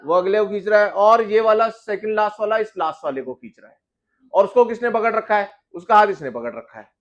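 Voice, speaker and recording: A man's voice: sits high, fairly quick, dull audio. A male physics teacher giving a classroom lecture, often asking his students questions and calling them "beta".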